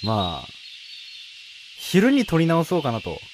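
Male horror let's-player, casual but rattled, very animated pitch, noisy track with game ambience. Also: slow pace. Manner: nervous, pleading, talks to himself and viewers. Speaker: video game player and commentator.

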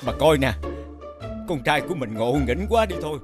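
Man as cheerful gentle husband, lively pitch, music under. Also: moderate pace, close to an everyday voice. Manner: gentle and reassuring. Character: kind, cheerful old village husband. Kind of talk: 3D cartoon dubbing.

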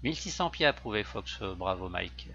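A man speaks into a pilot's cockpit headset, reading out radio calls in steady, methodical aviation phraseology. The sound is dull and lo-fi, with a clear hum running underneath. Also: on the low side, normal speed. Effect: pilot talking into a cockpit headset mic. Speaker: virtual pilot on a flight simulator. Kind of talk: radio calls to air traffic control.

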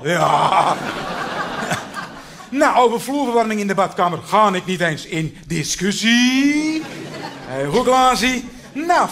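A man's voice: very high-pitched, a bit bright, exaggerated voice. A man playing a pushy, overly familiar contractor in a cabaret sketch, talking in brash, repetitive sales patter. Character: pushy chummy male contractor, upselling. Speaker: contractor inspecting a house.

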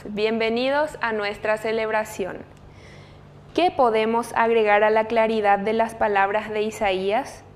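A young woman at a chapel lectern, calmly reading the welcome and introduction to Mass into a lapel mic. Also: on the high side. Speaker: liturgy commentator.

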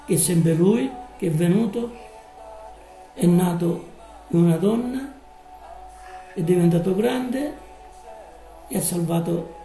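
A man preaching a live sermon, slow and emphatic, drawing out his words. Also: high-pitched, mellow, reverberant, rough recording.

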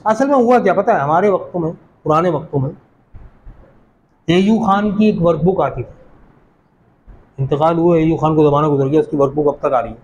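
Fairly high-voiced teacher drilling pronunciation. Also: male voice, darkish tone, slight background noise, poor audio. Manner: explains patiently, repeats words slowly, asks the class questions. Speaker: college teacher. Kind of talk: classroom lecture on English pronunciation. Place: classroom.

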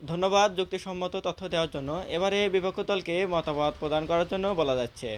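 A man moderating a debate, briskly announcing each turn and time limit. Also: high-pitched, a little hiss or hum.

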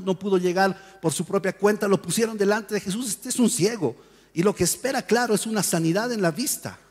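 A male pastor preaching a sermon in a church, telling Bible stories in a lively way and acting out the voices of the people in them. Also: high-pitched, slightly rough, in a large hall. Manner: animated storytelling, acts out voices and shouts. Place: church hall.

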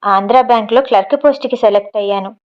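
A woman's voice: mid-range voice, quick pace, lo-fi sound, lightly acted. A woman voicing a proud, educated young woman who works as a cook and answers back bluntly. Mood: defiant. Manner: cutting, matter-of-fact retorts.

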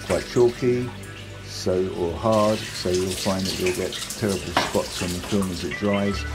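A man giving a casual, practical how-to talk in his home kitchen, with some fillers. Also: low voice. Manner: relaxed, plain and practical, with fillers. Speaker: photography hobbyist demonstrating. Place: home kitchen, indoors, at the sink. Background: running tap water and loud music.

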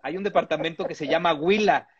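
A man's voice: a little high, a little fast, muffled recording, a little hiss or hum. A man from Mexico, reading a humorous text aloud with comic asides and chuckles.

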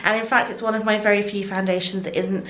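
A woman's voice: medium pitch, level tone, quick pace, a bit bright, rough recording. Chatty British woman vlogger. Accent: British English. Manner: chatty, laughs often. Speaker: beauty vlogger. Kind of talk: casual chat.

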